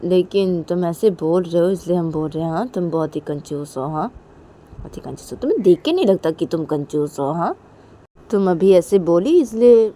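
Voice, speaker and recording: A bossy, mocking cousin, put on by a woman narrator, loud and insistent as she taunts. Her pitch jumps around lively. A faint hum is underneath.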